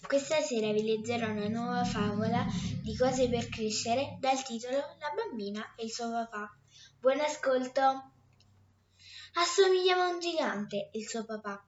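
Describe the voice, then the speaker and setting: A woman storyteller reading a bedtime fairy tale aloud in a gentle, expressive way. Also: a little high, moderate pace, echoey room, far from the mic, highs cut off, slight background noise.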